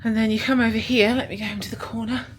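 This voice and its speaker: A British travel vlogger with a fairly high, steady voice talks quickly aboard a cruise ship in a casual vlog chat. She's chatty and rambling, with lots of fillers, and clear music plays behind her amid slight background noise.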